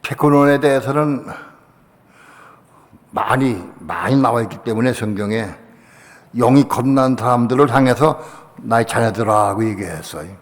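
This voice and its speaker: A male pastor preaching a Friday evening sermon, passionate, dropping to quiet asides and rising to shouted declarations. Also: mid-range voice, moderate pace, long pauses, big-room sound. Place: church sanctuary.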